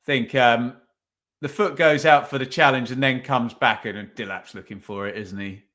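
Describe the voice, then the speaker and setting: A man talking through a football match as it plays, in a casual watch-along style. His voice sits at an ordinary middle pitch. He chats loosely and keeps checking himself with little tag questions. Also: normal speed, a bit bright. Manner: chatty, thinks aloud with tag questions. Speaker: podcast host.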